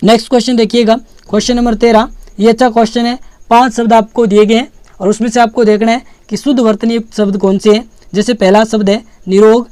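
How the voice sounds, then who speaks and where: A woman teaches an exam-prep lesson at a steady, patient pace, going back over key points with reminders. Her voice is smooth and clear. The recording is dry, with no room sound. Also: on the high side, dry recording.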